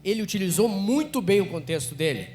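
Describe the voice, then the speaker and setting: High-voiced Brazilian man teaching public speaking. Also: fairly quick. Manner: energetic, quizzes the audience with frequent questions. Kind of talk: live lecture to an audience. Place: event hall with a live audience.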